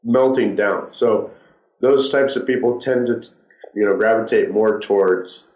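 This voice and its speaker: A male entrepreneur answering podcast interview questions in a halting, thoughtful way, his voice muffled as if heard through a wall. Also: fairly low pitch, darkish tone. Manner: halting, thoughtful, many fillers. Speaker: entrepreneur guest. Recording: muffled lo-fi voice in a roomy space.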